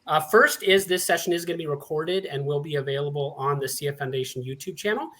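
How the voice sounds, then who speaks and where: A man's voice: a little high, quick pace, a bit bright. A man in his forties from Montana hosting a conference session, with a friendly, chatty, self-deprecating manner. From Montana, USA. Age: 40s. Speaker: session host and panelist. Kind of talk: conference presentation.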